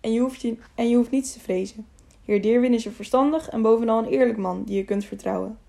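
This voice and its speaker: A woman's voice: a little high, quick pace, creaky, dark tone. A woman reading the part of a kindly older man who reassures the young travellers. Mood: reassuring.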